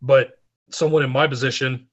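Male guest, middle-aged, bright edge to the tone, storyteller who acts out quotes. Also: mid-range voice, normal speed, dull audio. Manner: animated anecdote teller, acts out quotes. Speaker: guest, fitness writer. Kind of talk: casual interview storytelling.

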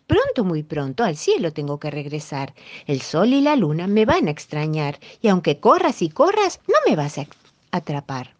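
A woman's voice: low voice, huge pitch swings, normal speed, exaggerated voice. A woman voicing a proud little male star man made of grass, chanting his lines in a sing-song rhyme.

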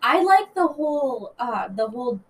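A woman's voice: a little high, very animated, moderate pace, rough recording. A woman co-hosting a casual wrestling news chat, talking freely and restarting her sentences as she goes. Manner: chatty, with hesitant restarts. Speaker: podcast co-host.

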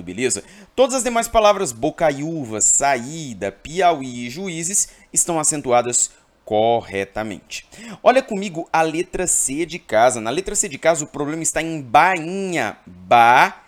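A man's voice: fairly high pitch, big pitch swings, moderate pace. A man from Brazil teaching an exam-prep grammar lesson, emphatic and always checking in with his listeners.

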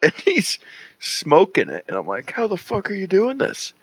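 A man with a fairly high voice that swings up and down a lot and carries a husky edge. He tells profane stories animatedly, recorded dry and close. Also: huge pitch swings, normal speed, no echo. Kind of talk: casual chat.

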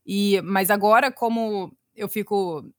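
A woman's voice: mid-range voice, fairly even intonation, slow pace, dry recording, clean studio sound. A Brazilian woman in her thirties who makes children's story podcasts, chatting animatedly and slipping into voices as she retells things. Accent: Brazilian Portuguese. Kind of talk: casual interview chat.

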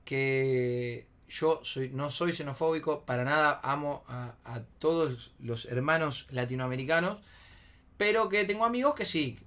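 A man in his twenties with an Argentine Rioplatense accent, telling a comic anecdote in a slangy, profane way and acting out his friends' shouting. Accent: Argentine Rioplatense Spanish. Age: 20s. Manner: animated storytelling, acts out shouting friends in high strained bursts. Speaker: storyteller.

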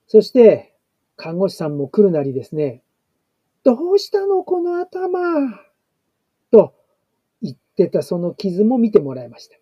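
A man reading a family blog story aloud, in a slow, measured way with pauses. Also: high voice, lively intonation, breathy edge, no echo, lo-fi sound. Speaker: narrator.

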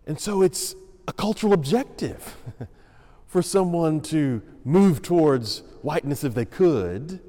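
A male pastor preaches slowly and deliberately, his pitch rising and falling widely for emphasis. His tone is mellow and dark. A long reverb from a church sanctuary trails behind every phrase. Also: animated. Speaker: senior pastor. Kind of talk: sermon. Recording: long reverb of a large room.

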